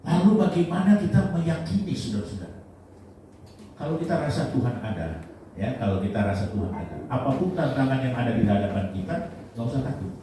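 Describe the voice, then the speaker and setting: A male pastor preaching a sermon, animated, with sudden loud emphatic lines and low asides. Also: a little fast. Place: church hall. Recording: echoey church hall, mic at a distance, light noise.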